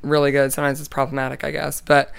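A young woman with a low voice that has a gravelly, fried edge yet stays smooth and clear. She speaks softly and hesitantly in casual conversation, trailing off into fillers. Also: monotone, fast. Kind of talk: casual chat.

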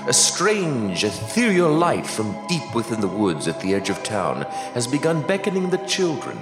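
A man playing an ominous, melodramatic announcer narrating a horror radio show in a drawn-out, roomy echoing voice. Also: medium pitch, wildly swooping pitch, music in the background.

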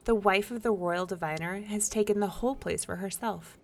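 A woman's voice: medium pitch, fairly quick, close to an everyday voice. A woman voicing a haughty woman turning someone away at a door, in a folk tale. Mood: dismissive.

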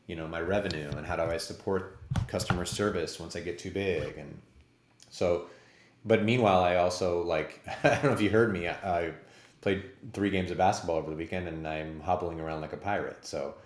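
Forties male host, very low voice, chatty and rambling, roomy echo. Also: fairly even intonation, brisk. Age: 40s. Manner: chatty, rambling, self-deprecating. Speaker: podcast host. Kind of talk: casual interview chat.

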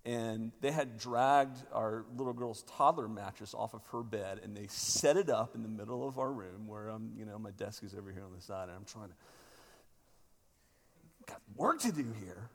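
Gravelly pastor in cathedral echo. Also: male voice, lowish voice. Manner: halting, with many fillers and restarts. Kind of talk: conference talk and prayer. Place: large parish church. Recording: cathedral echo, long church reverb.

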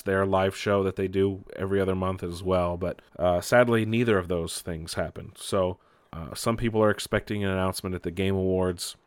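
A man's voice: sits low, clean tone, no echo, studio quality. A man hosting a casual solo news podcast in a loose, off-the-cuff, self-correcting way. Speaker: podcast host.

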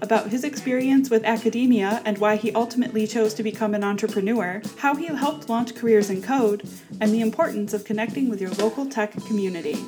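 Higher-voiced woman podcast host over music. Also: brisk. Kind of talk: scripted podcast introduction.

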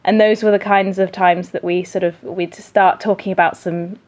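A woman's voice: on the low side, steady tone, moderate pace, darkish tone. A woman talking casually as an interview guest, often rephrasing as she goes. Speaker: podcaster and objects conservator guest.

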